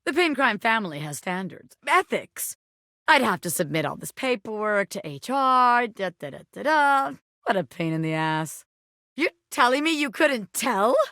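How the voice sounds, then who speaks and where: Bright, swaggering wannabe crime boss Bobby Pin. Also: female voice, on the high side, sing-song, normal speed, no echo, clean studio sound, full character voice. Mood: flirty confession. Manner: streetwise, swaggering, slangy tough talk. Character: scrappy living bobby pin, brash wannabe crime boss with showbiz dreams. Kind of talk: video game character dialogue.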